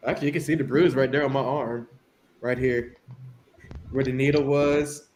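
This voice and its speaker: A man's voice: mid-range voice, fairly even intonation, moderate pace, darkish tone. A man in a casual group video chat, telling rambling stories full of swearing. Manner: rambling, profane storytelling. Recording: roomy sound with faint noise.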